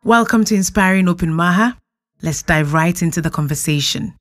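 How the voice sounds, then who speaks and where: Speaking briskly in a fairly low voice, this podcast host and journalist reads a scripted intro before moving into questions. Along the way she offers brief interjections of affirmation.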